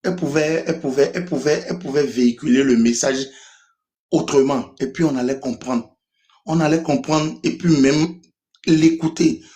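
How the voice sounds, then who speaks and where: A man's voice: fairly high pitch, moderate pace, dark tone. Hesitant Beninese man calling in. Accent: Beninese French. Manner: hesitant, many restarts and fillers. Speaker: caller in a live stream debate. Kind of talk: casual call-in talk.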